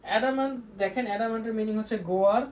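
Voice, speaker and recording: A woman's voice: fairly high pitch, very fast, darkish tone. A young woman giving a casual vocabulary lesson in a chatty way, repeating words as she explains them. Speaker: vocabulary tutor. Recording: faint background noise.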